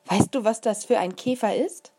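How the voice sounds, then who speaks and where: A woman voicing a gentle mother who explains things to her small daughter in a lively, patient way. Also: medium pitch, moderate pace, husky, pitched above the performer's own voice. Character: warm, careful mother of a small girl.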